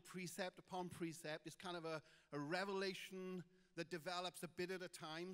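A man's voice: high voice, a bit bright, clean tone, long reverb tail. A man with a Welsh accent preaching a Sunday sermon as pastor, chatty and informal, with many fillers and restarts. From Wales. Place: church auditorium.

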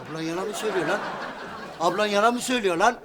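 A man's voice: sits high, rapid-fire, very noisy, lightly acted. A man playing hot-tempered husband Erman. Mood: furious. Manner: shouting empty threats, coarse slang. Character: hot-tempered middle-aged husband Erman, blustering threats. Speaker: sitcom actor. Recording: studio audience laughter behind.

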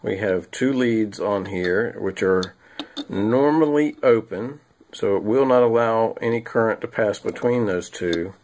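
A middle-aged man demonstrating how to test a part, unhurried, with frequent ums and restarts. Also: on the low side, a little mellow. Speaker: HVAC technician. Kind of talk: hands-on repair demonstration. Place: small home room.

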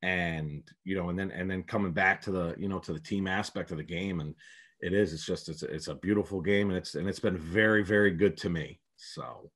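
A man's voice: low-pitched, fairly even intonation, fairly quick, fairly bright tone, breathy edge. A man from upstate New York, a basketball coach, answering interview questions over a video call in a rambling, storytelling way with many restarts. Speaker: head prep basketball coach, guest.

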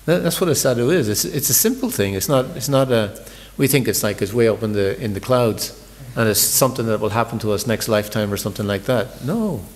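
A man's voice: on the low side, fairly quick, few pauses, in a large hall. A man giving a morning scripture class, talking in a conversational storytelling sermon, often repeating words as he restarts. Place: large temple hall.

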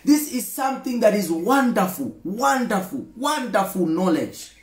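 A Kenyan pastor in his thirties preaches a livestreamed daily devotional, filmed close up on a phone camera in an indoor room with a screen and flowers. He uses emphatic, repetitive phrases and lots of gestures. His high-pitched voice swings widely in pitch, unhurried, and the room is reverberant.

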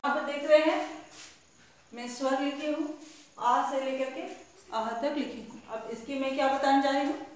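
A woman's voice: sits high, fairly even intonation, unhurried, long pauses, very echoey, slight background noise. A woman teaching young children, asking each question and then answering it herself. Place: classroom.

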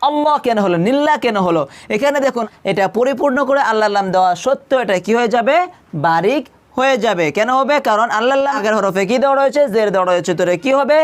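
A Quran teacher works through a tajweed lesson, spelling out each letter and vowel mark before reciting the verse in long, drawn-out tones. The voice sits at a middle pitch and sounds smooth and clear. The teacher keeps asking the listeners questions and then answering them. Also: animated.

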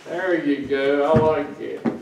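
The speaker is an older male pastor giving a teasing, folksy sermon to the children gathered around him in a small church. His fairly high voice is slow and carries vocal fry, and the recording is very noisy. A distant camera mic captures the roomy sound of the church from afar.

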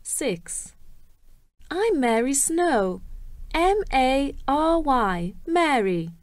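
A woman's voice: high voice, big pitch swings, dry recording. A woman reading a self-introduction for a listening exercise, spelling out her name carefully. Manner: very slow, carefully enunciated, spells out names. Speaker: exam recording reader.

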